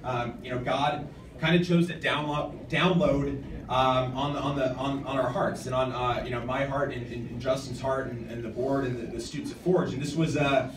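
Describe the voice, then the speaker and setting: The speaker is an American man in his thirties, an award recipient and nonprofit director, whose acceptance speech at a hotel function room podium is informal and halting, with many repeated words. His mid-range voice has a steady tone. Recorded from the audience by a camera catching the podium mic, the audio is distant and echoey, with clear background noise.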